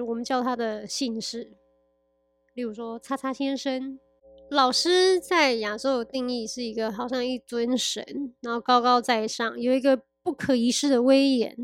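A woman chatting casually, telling lively anecdotes and laughing often. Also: sits high. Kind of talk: casual chat.

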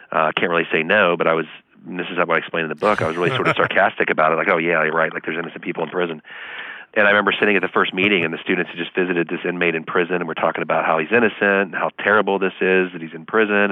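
A deep-voiced man talks quickly and earnestly as an interview guest, dotting his answers with fillers. His voice comes through a tinny, phone-like line with no room sound around it. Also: no room sound. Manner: fast, earnest, many fillers. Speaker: law professor, guest.

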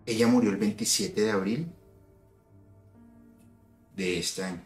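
A man's voice: lowish voice, measured pace. Man telling a story, echoey room. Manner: recounts events in detail, acts out quoted dialogue. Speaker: guest. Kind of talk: storytelling in casual conversation. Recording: echoey room with soft music.

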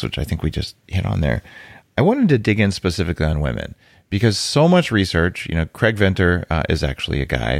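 Deep gravelly male podcast host. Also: no room sound, studio quality. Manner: animated, jokey, self-deprecating. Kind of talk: casual interview chat.

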